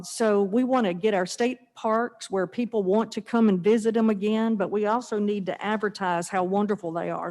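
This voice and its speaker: Woman, masked, chatty earnest testimony, mid pitch, long hall reverb. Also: darkish tone. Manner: chatty, earnest, some restarts. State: speaking through a face mask. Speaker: state legislator presenting a bill. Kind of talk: formal committee testimony. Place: legislative committee room.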